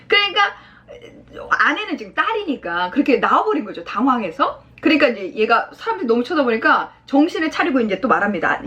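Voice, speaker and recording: A woman in her thirties teaching Japanese, explaining a drama scene and acting out its lines in playful voices. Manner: lively, acts out lines in high playful voices. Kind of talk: explaining a drama clip to learners.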